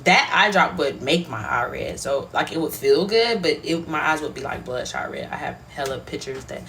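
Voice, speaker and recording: Slangy, animated woman telling a story. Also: low voice, moderate pace, noisy background. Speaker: vlogger. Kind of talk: casual storytelling to camera.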